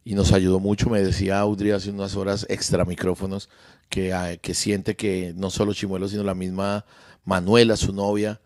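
A man's voice: deep voice, normal speed, dry recording, clean studio sound. A man talking casually on a podcast, telling stories with lots of repeated words. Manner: animated storyteller, repeats words. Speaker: comedian guest.

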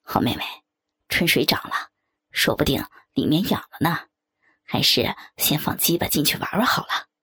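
A woman putting on a husky, coaxing young man. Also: lively intonation, moderate pace, exaggerated voice. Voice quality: low husky put-on voice. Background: soft guitar music.

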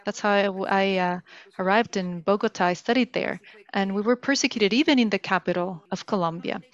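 A woman's voice: medium pitch, brisk, dry recording, dull audio. Woman as a live interpreter. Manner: steady interpreting in the first person, with small restarts. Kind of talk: live simultaneous interpretation of a guest.

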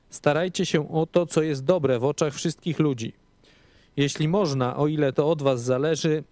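A man reading Bible passages aloud, measured, phrase by phrase. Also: on the high side, darkish tone, no room sound. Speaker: scripture reader.

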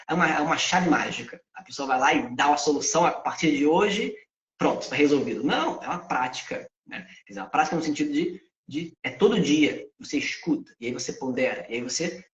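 A man teaching Vedanta ideas, who poses questions to himself and answers them in a lively spoken lesson. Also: fairly high pitch, fast talker. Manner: asks and answers his own questions. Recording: echoey, dull lo-fi sound.

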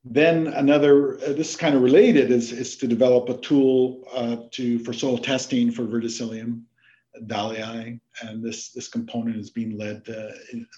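A man from Canada, a researcher guest on a podcast interview, who explains his work in a halting way with many fillers and restarts. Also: medium pitch, flat delivery, dark tone, dull audio. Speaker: plant disease researcher, guest.

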